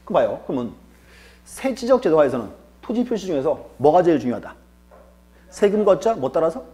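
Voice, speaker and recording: A man's voice: fairly high pitch, very animated, brisk, dark tone. A male lecturer teaching an exam-prep class, asking rhetorical questions and answering them himself, repeating key terms for emphasis.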